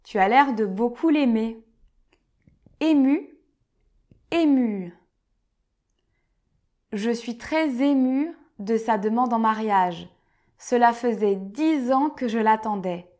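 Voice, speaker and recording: A woman teaching French vocabulary slowly and clearly, reading each word and then a short example sentence. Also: a little high.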